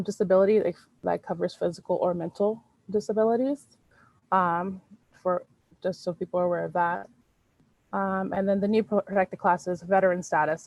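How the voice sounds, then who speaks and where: A woman's voice: lowish voice, a little mellow, no echo, rough recording. A woman giving an informal presentation on fair housing over a video call, with many ums and restarts. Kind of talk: presentation at an online meeting.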